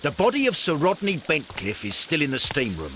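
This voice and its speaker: A man's voice: a little high, huge pitch swings, a little fast, background noise. A man acting a blustering, easily flustered Victorian police inspector in a game, with an English accent and emphatic delivery. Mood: brisk reporting. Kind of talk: video game cutscene acting.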